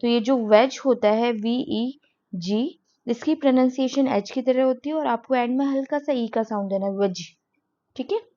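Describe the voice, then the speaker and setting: A woman teaching English on her channel, with a fairly high but mellow voice. She explains patiently and says each example sentence slowly. The recording sounds dull and lo-fi. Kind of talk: spoken English lesson.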